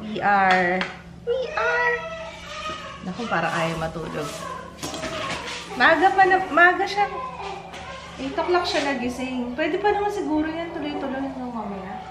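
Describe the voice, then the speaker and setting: A woman's voice: high voice, very animated, unhurried, long pauses, background noise. A woman in her thirties from the Philippines, chatting casually to the camera in a family home vlog. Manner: chatty, talks to camera and family, mixes Tagalog and English. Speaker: family vlogger. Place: large home kitchen indoors. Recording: clear kitchen sounds behind.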